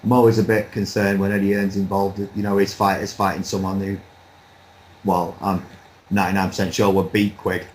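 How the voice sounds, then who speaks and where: A man chatting casually as a pundit, relaxed and rambling, with a light laugh now and then. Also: low-pitched, a little fast, slight background noise, rough recording. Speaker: boxing pundit. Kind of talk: casual chat.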